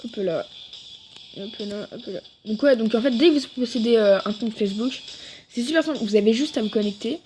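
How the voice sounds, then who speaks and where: A woman talks through her own gameplay in a loose, rambling commentary, stopping often to correct herself. Her voice sits a little on the high side, with a faint hiss of noise behind it. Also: a little fast, darkish tone. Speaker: gaming video creator.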